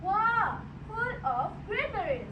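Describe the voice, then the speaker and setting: A woman's voice: extremely high pitch, big pitch swings, slow. A young female student performing dramatic choral recitation with exaggerated, exclamatory stage delivery. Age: school-age young performer. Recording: echoey hall, distant mic, noisy.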